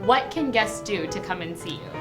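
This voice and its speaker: A woman's voice: mid-range voice, lively intonation, moderate pace, low-quality recording. A woman hosting a morning lifestyle show aboard a cruise ship, bubbly and enthusiastic as she runs through the day's events. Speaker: show host. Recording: music playing underneath.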